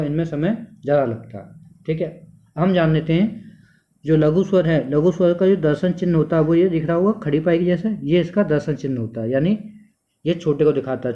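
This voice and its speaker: A man's voice: a little high, warm tone. A male teacher giving a classroom lecture, asking the class questions and then answering them himself. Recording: dull lo-fi sound.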